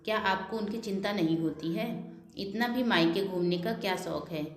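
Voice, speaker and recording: A woman's voice: mid-range voice, normal speed, reverberant, lightly acted. A woman voicing a taunting, sarcastic sister-in-law.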